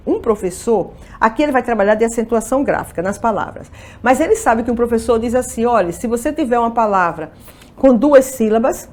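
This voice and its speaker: Female Portuguese teacher, fairly high voice, explains by asking and answering her own questions. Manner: explanatory, poses questions and answers them herself; checks in often with "ok?" and "tá vendo?". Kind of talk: exam-review lesson.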